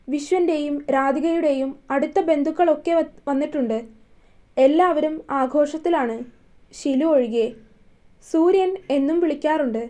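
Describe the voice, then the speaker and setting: A woman storyteller narrating a romance serial in a calm, steady reading voice. Her pitch sits high while the tone stays soft and mellow.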